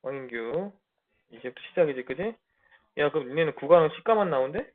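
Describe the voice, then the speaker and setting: Male tutor, high and animated, casual blunt lecture, tinny phone-like audio. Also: a little fast. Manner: casual blunt banter with students, frequent check-ins. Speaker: middle school English teacher. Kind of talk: online lecture.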